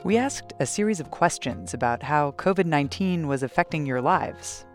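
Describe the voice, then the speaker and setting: A man hosting a podcast, reading calm scripted narration. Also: fairly high pitch, normal speed, soft background music. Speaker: podcast host.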